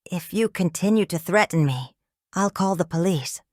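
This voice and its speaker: A woman voicing a calm, steady husband and father in an audiobook. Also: fairly low pitch, normal speed, dry recording, clean studio sound, close to an everyday voice. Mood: firm. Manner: calm, firm. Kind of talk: audiobook character voice.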